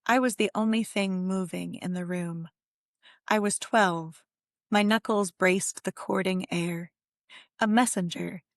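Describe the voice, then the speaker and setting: A woman with a mid-range voice appears as a guest poet and editor in a casual literary conversation that includes a poem reading. She's effusive and conversational. The sound is clean studio audio with no echo.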